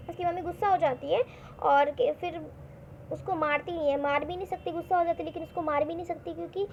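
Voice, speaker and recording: High gravelly woman teacher, lo-fi. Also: darkish tone. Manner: explains step by step, repeats words and asks the class questions. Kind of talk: worksheet lesson for children. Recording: dull lo-fi recording with faint noise.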